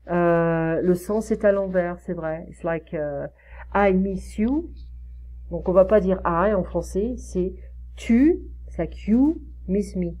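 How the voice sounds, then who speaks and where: A French woman tutoring French one-on-one, explaining slowly with many fillers and modelling pronunciation. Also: on the low side, dark tone. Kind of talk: one-on-one online French lesson.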